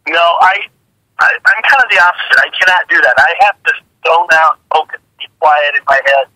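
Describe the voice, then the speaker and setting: A woman's voice: low voice, a little fast, sharp tone, dry recording, low-quality recording. A woman who drives jet dragsters, chatting casually in an interview, repeating words and laughing easily.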